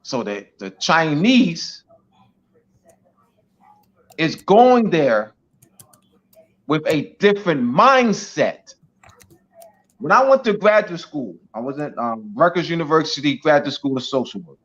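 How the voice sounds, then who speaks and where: A man's voice: fairly high pitch, very animated, takes it slowly, pauses often, fairly bright tone. A man speaking as a guest speaker in a teaching talk, emphatic and repetitive, with many "you know"s. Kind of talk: teaching talk on an online show. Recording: dull lo-fi audio.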